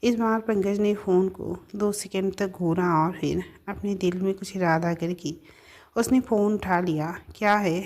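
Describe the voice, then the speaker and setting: A woman's voice: medium pitch, measured pace. Woman narrating a family audio story. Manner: steady reading with occasional self-corrections.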